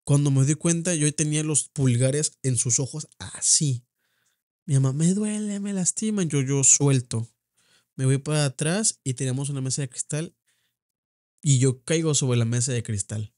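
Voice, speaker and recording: Man, Mexican accent, young adult, personal storytelling, halting, repeats words, mellow voice, dry sound. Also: medium pitch, no echo. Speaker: podcast host. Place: at home.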